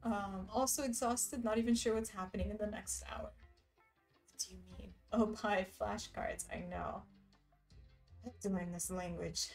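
A young woman streams from an indoor room, embroidering while she chats casually and reads viewer messages aloud, giggling often. Her medium-pitched, slightly mellow voice has fairly even intonation and a measured pace, with faint music in the background.

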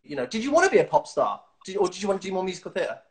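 With crowd noise in the background, a man in his thirties hosts a casual video-call interview from a small room at home over his webcam. His high voice swings widely in pitch and he races along, chatty and giggly, full of fillers and restarts.

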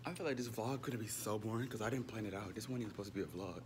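A man's voice: fairly low pitch, rapid-fire. A young man, a student in his late teens, vlogging at school with a handheld camera, mumbling and swearing to the viewers. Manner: profane and mumbling to camera, loud and rowdy with friends. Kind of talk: casual vlog. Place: school hallways and rooms, indoors. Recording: noisy school with crowd chatter. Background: students chattering and ambient noise.

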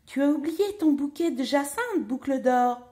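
A woman voicing a middle-sized bear in a measured, slightly raised voice. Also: high voice, animated, warm tone, pitched above the performer's own voice. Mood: plain.

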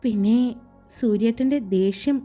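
A woman voicing a timid, gentle young woman in a soft, raised, pleading voice for a romance audiobook. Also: fairly high pitch, measured pace, faint music behind. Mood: shy.

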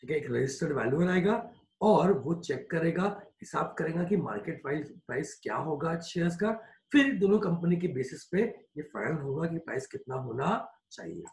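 A man teaching a class in Hindi with plenty of English mixed in, his voice sitting fairly high for a man. He slows down to dictate points word by word and keeps asking whether it is clear. The room around him is echoey. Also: lively intonation, darkish tone. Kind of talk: classroom lecture.

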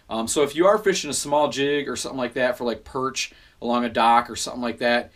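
A man in his thirties, host of a fishing channel, talks casually to the camera about his gear. He is easygoing and fills his talk with ums and quick self-corrections, and he is recorded by a camera a few feet away in a small room at home. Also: mid-range voice. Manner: relaxed, many fillers and self-corrections.

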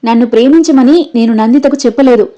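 A woman reading the part of a stern, brooding young man who speaks gravely and curtly, on a dull, lo-fi recording. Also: on the high side, fast talker, mellow, natural voice. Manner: grave, curt.

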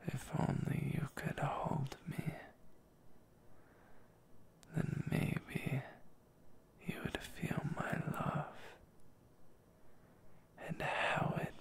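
A man in a whispered role-play as a devoted, tender boyfriend, reading a love letter in a breathy, creaky whisper. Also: on the high side, level tone, very slow, long pauses. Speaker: ASMR boyfriend role-player.

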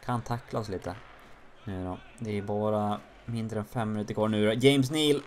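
A man giving casual commentary on his own hockey game, jumping high and loud during the plays. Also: steady tone, slight background noise. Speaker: gaming YouTuber.

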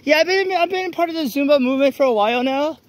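Outdoors at night on a wet city street, a man walks and vlogs into his phone, ranting bluntly and starting over many times. The voice is very high-pitched and fast, with no echo.

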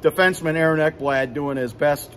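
A phone camera held at arm's length picks up a man in his fifties doing a casual postgame recap rinkside in an indoor hockey arena. He rambles with many fillers and restarts, his voice on the high side, brisk and fairly bright, with slight background noise.

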